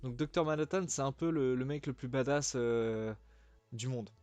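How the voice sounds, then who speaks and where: A mid-pitched man in a relaxed, informal film review. He stumbles through fillers and restarts and drops casual slang as he goes. Faint music plays softly behind him. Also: normal speed, smooth, dry recording. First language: French. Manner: hesitant, many fillers and restarts.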